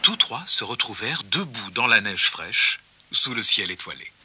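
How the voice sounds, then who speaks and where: A man reading a children's story aloud with expressive narration. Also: fairly low pitch, normal speed, a little hiss or hum. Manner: expressive, gently paced narration.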